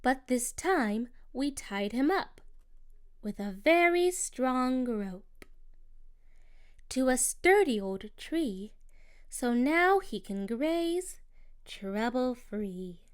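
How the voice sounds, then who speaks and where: A woman reading a rhyming children's picture book aloud as narrator, in a slow, expressive, sing-song delivery. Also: sits high, smooth. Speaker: storybook narrator.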